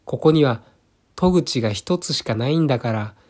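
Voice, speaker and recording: A bullying male cat from a storybook, growling threats in a rough, bossy voice, as a man puts him on. It is close to the reader's own voice, just gruffer and pushier. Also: mid-range voice, expressive, normal speed, darkish tone, close to an everyday voice. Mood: muttering.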